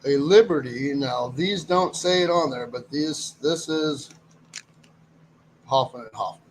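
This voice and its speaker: A man's voice: mid-range voice, measured pace, a little hiss or hum, low-quality recording. A man hosting a live stream, talking casually and rambling as he greets viewers and goes through items. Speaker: live stream host running a silver auction.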